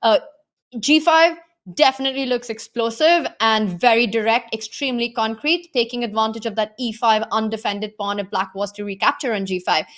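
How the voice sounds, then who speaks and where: A woman's voice: fairly high pitch, steady tone, normal speed, fairly bright tone. A woman giving live chess commentary, analytical and explaining moves to the viewers in the chat.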